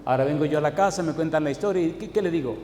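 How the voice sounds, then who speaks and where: A man's voice: on the high side, rapid-fire, darkish tone. A man preaching in an echoey hall. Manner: preaching with repeated rhetorical questions to the congregation; storytelling from his own life. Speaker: pastor. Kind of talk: sermon. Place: church hall. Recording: echoey hall, faint background noise.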